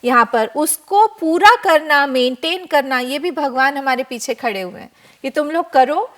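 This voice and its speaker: A woman spiritual teacher, a guest expert in a TV studio, giving a devotional talk as an animated storyteller. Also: high voice, unhurried. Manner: animated storyteller, acts out characters.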